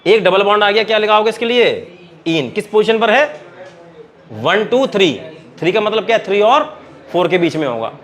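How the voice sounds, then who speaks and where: Indian male chemistry teacher, high-pitched voice, Hindi accent, keeps quizzing the class. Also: expressive, normal speed, a bit bright. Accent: Hindi-speaking Indian. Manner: keeps quizzing students, calls them beta. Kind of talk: classroom lecture at a board.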